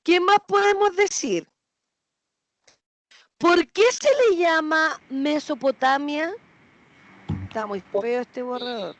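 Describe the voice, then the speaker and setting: A woman's voice: high voice, slow pace, pauses often, muffled recording, slight background noise. A woman teaching a history class, asking questions, repeating students' answers and checking that they follow.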